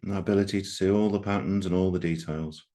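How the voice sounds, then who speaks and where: A man guides a group through a meditation, speaking gently and unhurriedly with long pauses, in a deep, steady voice.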